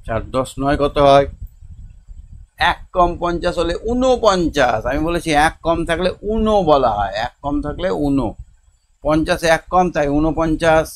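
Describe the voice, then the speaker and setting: A man, tutoring young children through homework, counting slowly and drilling words one by one. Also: a little high. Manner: slow, patient counting and word-by-word pronunciation drills. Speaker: teacher.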